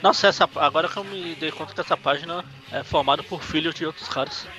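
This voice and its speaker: A man's voice: on the high side, quick pace, pushed and bright, faint music behind, poor audio. A man with a Brazilian Portuguese accent co-hosting a casual comic book review chat, rambling and correcting himself as he jokes. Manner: rambling, self-correcting, jokey. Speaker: podcast co-host.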